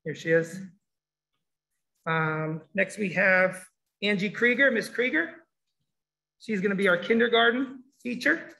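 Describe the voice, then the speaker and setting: A man's voice: high-pitched, unhurried, pauses often, pushed and bright. A man speaking muffled through a face mask, informally presenting to families as a school program supervisor. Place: indoor school room, standing before a presentation screen.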